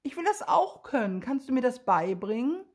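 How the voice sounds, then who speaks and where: A woman voicing an excitable young schoolboy in a children's storybook, with a husky, eager, enthusiastic delivery. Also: fairly low pitch, moderate pace. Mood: excited.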